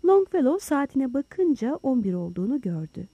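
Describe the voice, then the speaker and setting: Expressive woman narrating an audiobook. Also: high voice, moderate pace, husky, no room sound, muffled recording. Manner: expressive storytelling. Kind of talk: scripted narration.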